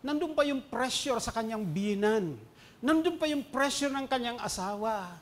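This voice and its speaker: A pastor with a Filipino accent delivers a sermon in a high, light voice. He moves between loud, stressed phrases and quiet, hushed storytelling. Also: animated, moderate pace. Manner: mixes English into preaching, dynamic swings between loud emphasis and quiet storytelling.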